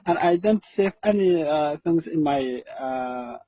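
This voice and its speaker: A man's voice: on the high side, lively intonation, warm tone, no echo. Shy man on muffled call audio. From Sudan. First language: Arabic. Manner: hesitant, shy, halting. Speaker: guest on a live stream. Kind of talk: casual live-stream chat.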